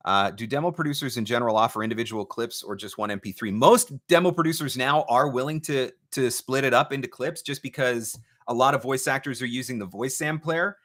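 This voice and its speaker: Here the host, a voice-over marketing coach, has a medium-pitched, slightly bright voice and talks a little fast with few pauses. He runs a live Q&A advice talk, delivering points emphatically like a coach and throwing out rhetorical questions.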